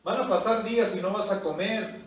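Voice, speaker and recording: A pastor with a somewhat high voice leads a Bible study, reading scripture aloud and breaking in with exhorting asides. He sounds distant from the microphone. His voice rings through a very echoey church hall. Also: moderate pace.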